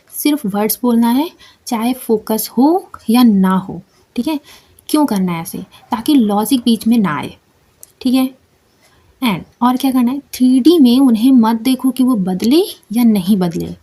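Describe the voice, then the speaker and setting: A woman's voice: on the high side, dark tone, slightly rough. A young woman giving a casual, chatty lesson, repeating phrases and often checking that listeners follow. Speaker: manifestation coach. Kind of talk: casual instructional talk to camera.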